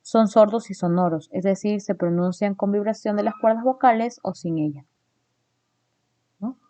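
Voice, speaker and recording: Here a woman's warm, mid-range voice leads a recorded phonetics lesson with no room sound. Moving slide by slide, she checks in often with a brief "¿no?" and voices example sounds with slow, careful deliberation.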